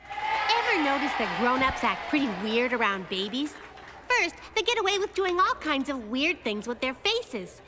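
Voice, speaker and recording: A woman voicing a spirited, mischievous little girl in a children's cartoon, with expressive, perky delivery. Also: high-pitched, moderate pace, noisy background. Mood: wry storytelling. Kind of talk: animated children's cartoon acting.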